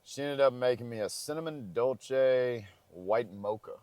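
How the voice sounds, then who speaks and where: In a parked car, a man whose voice is going crackly chats in a rambling, easygoing way as a travel vlogger. He speaks at a measured pace in a slightly mellow, medium-pitched voice, with no echo.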